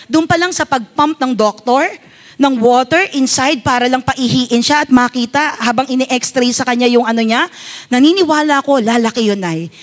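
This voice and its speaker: A woman pastor with a Filipino accent preaching a sermon, telling a story as a mother and often asking her congregation for agreement. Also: high voice. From Philippines. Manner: tells a personal story as a mother.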